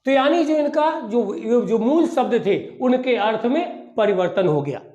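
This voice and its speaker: A man's voice: very high-pitched, animated, measured pace, mellow, muffled recording. A male teacher giving a grammar lesson, repeating key points and asking questions that he answers himself. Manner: repetitive, asks and answers his own questions. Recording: echoey room.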